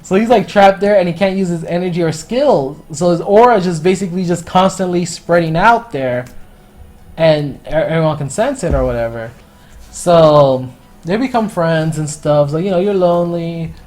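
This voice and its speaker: A man casually reviewing a story in a rambling, profane, excitable way. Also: on the high side, normal speed. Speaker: anime and manga reviewer.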